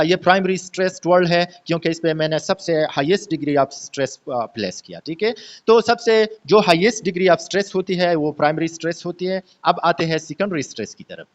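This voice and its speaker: A man teaching English pronunciation in an online lesson, explaining slowly with many hesitations and frequent check-ins. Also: fairly high pitch. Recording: dull lo-fi voice recording.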